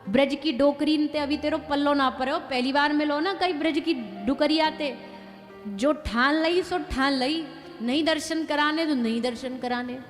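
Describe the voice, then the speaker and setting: A woman's voice: sits high, moderate pace, voice pushed up, lightly acted. A woman voicing a fiercely protective village mother with a Braj accent, stubborn and scolding. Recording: long hall reverb, faint music.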